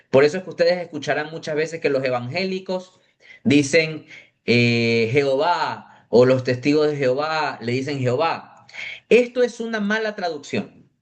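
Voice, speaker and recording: A man teaching an adult catechism class in a parish classroom, explaining step by step and often checking that his students follow. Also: fairly high pitch.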